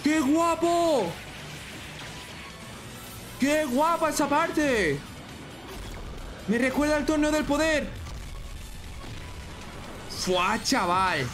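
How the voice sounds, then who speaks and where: A man with a Spain Spanish accent who reacts out loud with bursts of exclamation. His voice sits very high and he stretches his words out slowly. Faint music plays under him. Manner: excitable, frequent exclamations and shouts. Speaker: streamer reacting to a fan animation. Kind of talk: excited reaction commentary.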